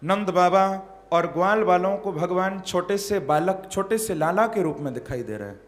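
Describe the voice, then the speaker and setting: A man's voice: sits high, moderate pace. A man telling a devotional Bhagavat story as a sermon, acting out its scenes dramatically. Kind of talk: devotional katha sermon with sung couplets.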